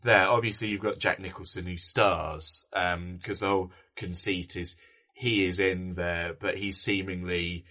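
A man's voice: low-pitched, steady tone, measured pace, bright, forceful tone. A man co-hosting a casual film podcast, rambling with fillers and restarts. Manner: rambling, many ums and restarts. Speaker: podcast co-host.

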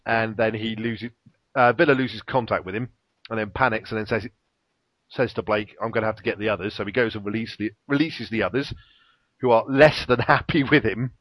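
A man's voice: lowish voice, moderate pace, a bit bright, dry recording, rough recording. A man casually retelling the plot of a TV episode in a rambling way, with fillers and little chuckles. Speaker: podcast co-host recapping an episode. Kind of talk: casual chat, episode recap.

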